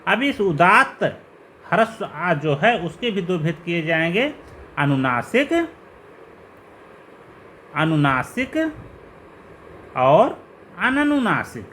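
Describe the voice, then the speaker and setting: A man's voice: high-pitched, a bit bright, slight background noise. A man teaching Sanskrit grammar in a lecture, listing terms one by one and asking questions to lead the class along. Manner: slow, repetitive listing of terms with rising questions.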